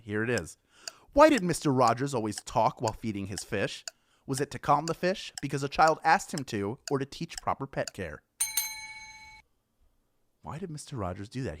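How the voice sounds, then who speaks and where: Male trivia host, playful and chatty, slightly higher voice, dry close sound. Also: fairly bright tone, no room sound. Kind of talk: live trivia show hosting.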